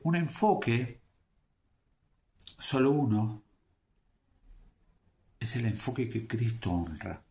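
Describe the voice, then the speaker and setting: A man giving a devotional talk as a preacher, unhurried and reflective, pausing often with fillers. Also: fairly low pitch, creaky, a little mellow. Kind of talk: devotional talk with scripture reading.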